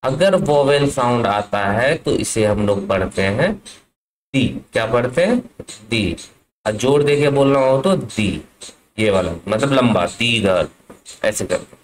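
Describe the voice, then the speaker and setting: A man's voice: mid-range voice, expressive, normal speed, slight background noise, rough recording. A man teaching an English grammar lesson, asking his class questions and answering them himself. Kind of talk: classroom lesson explaining at a board.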